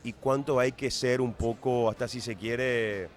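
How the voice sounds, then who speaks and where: A radio host enthusiastically introduces his guest and then poses long, wordy questions in this interview. His medium-pitched voice holds a steady tone at a measured pace.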